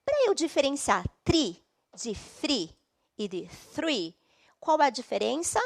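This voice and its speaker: A woman's voice: sits high, sing-song, slow pace, creaky. A woman with a Brazilian Portuguese accent teaching an online English class, explaining patiently step by step and checking in often.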